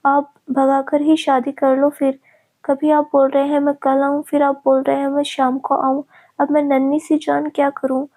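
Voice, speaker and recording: A woman's voice: high-pitched, completely flat delivery, moderate pace, warm tone. A woman voicing a teasing, affectionate young woman in love, in a storybook reading.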